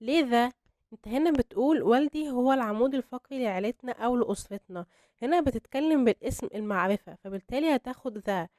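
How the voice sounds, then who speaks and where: A young woman with an Egyptian Arabic accent teaching English grammar to beginners, explaining step by step and slowing down on her examples. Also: a little high, animated, darkish tone, no echo, studio quality. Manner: patient, step-by-step explanation with slow spelled-out examples.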